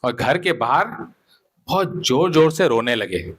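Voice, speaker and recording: A man preaching a devotional sermon, telling a story in an animated way, acting out dialogue and dropping in English phrases. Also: mid-range voice, unhurried, breathy edge.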